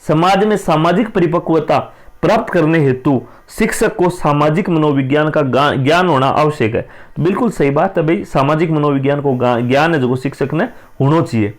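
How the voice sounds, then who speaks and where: A man's voice: fairly high pitch, normal speed. Chatty Rajasthani man explaining answers. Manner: casual, chatty, mixes dialect with Hindi. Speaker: teacher. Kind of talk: exam-prep lesson, explaining answers.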